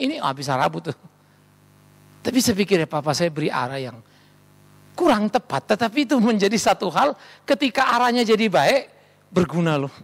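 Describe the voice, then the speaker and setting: A middle-aged man preaches from the pulpit in a lively storytelling sermon. His voice sits high and is gravelly with heavy fry. He swoops up and down widely as he acts out voices in his stories. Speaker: pastor. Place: large church hall.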